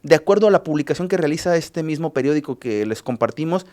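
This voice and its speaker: A man with a Mexican Spanish accent, his voice a little high for a man, appears as a journalist guest on a radio news show, recapping cases. He speaks haltingly, often pausing with filler sounds and restarting sentences. His intonation is lively and his tone warm.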